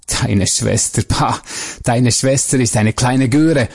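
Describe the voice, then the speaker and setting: A man's voice: medium pitch, slow, vocal fry, breathy edge, heavily acted. A man doing a coarse, blustering cheating husband. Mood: scornful. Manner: blustering, pressed out.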